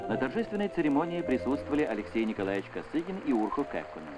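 A man's voice: mid-range voice, very animated, racing, poor audio. A man giving solemn, official narration on an old 1970s newsreel soundtrack. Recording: old newsreel with music underneath.

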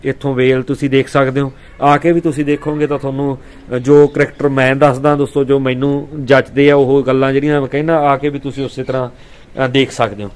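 A man's voice: medium pitch, level tone, fairly quick. A man hosting a dairy farming video, walking viewers around a cow for sale in a friendly, casual way. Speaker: dairy farming vlog host. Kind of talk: casual livestock sale walkthrough. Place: outdoors on a farm.

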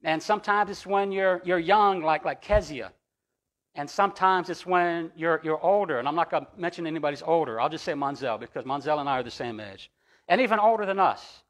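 A man's voice: fairly high pitch, fairly quick, a bit bright. A man preaching a sermon as pastor, telling personal stories in a conversational way with frequent restarts. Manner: storytelling, conversational, with repeated restarts.

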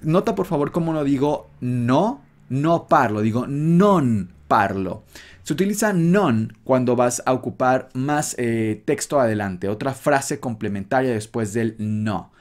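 A man's voice: medium pitch, darkish tone. A man teaching a beginner language lesson, patiently repeating phrases for the listener to copy. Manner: patient, slow and repetitive, drills phrases.

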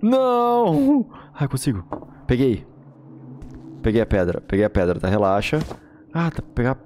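A man's voice: lowish voice, lively intonation, normal speed, darkish tone, slight background noise. A man with a Brazilian accent giving casual, slangy let's-play commentary as a gaming host, reacting and swearing as he goes.

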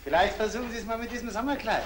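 An actor playing a charming male painter who courts a young woman, with a soft, persuasive manner, in old German film acting. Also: high voice, rapid-fire, a little hiss or hum, close to an everyday voice.

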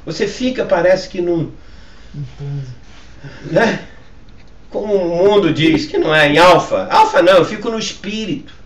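High-voiced Brazilian pastor in an echoey hall. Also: male voice, measured pace, pauses often, slight background noise. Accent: Brazilian Portuguese. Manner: animated, swings from loud exclamations to hushed storytelling. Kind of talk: live church teaching with personal stories. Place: church hall. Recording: roomy hall echo, mic at a distance.

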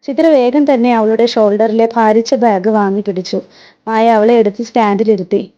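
A woman storyteller reading a romance story in steady, measured narration. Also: fairly high pitch, muffled recording.

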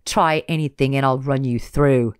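A reader voicing a gravelly, menacing male nobleman who taunts and threatens loudly. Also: mid-range voice, expressive, normal speed, no room sound, clean studio sound, pitched above the performer's own voice, lightly acted.

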